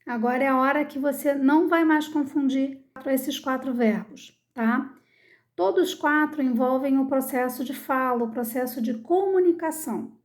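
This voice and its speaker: A woman's voice: sits high, normal speed. A woman teaching English in a video lesson, explaining step by step and checking in with her viewers.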